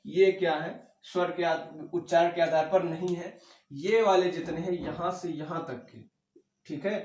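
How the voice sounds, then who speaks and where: A man teaching an exam-prep grammar lesson, asking questions and answering them himself, often checking with "okay". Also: fairly high pitch. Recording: echoey room, mic at a distance.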